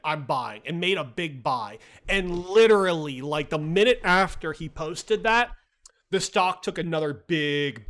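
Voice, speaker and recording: A man's voice: fairly high pitch, pushed and bright. Chatty man hosting a casual stream. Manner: chatty, reads chat, frequent "like" and "right?"; blunt and profane. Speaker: livestream host. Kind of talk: casual market recap talk.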